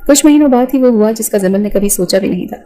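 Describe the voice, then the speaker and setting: A woman narrating a romance novel with an even, storytelling delivery. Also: mid-range voice, rough recording.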